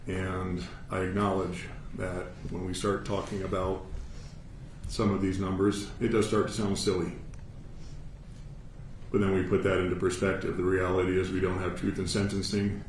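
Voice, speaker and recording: A man with an American accent speaking as a judge, giving a formal sentencing statement in a measured, matter-of-fact, authoritative way. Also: deep voice, completely flat delivery. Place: courtroom. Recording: echoey room, distant mic, faint noise.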